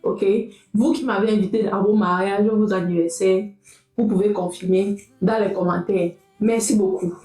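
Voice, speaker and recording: A young adult woman vlogging casually, talking straight to her viewers in a lively, chatty way. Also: medium pitch, normal speed, echoey room, faint music behind, low-quality recording. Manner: lively, talks directly to viewers. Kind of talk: casual motivational vlog.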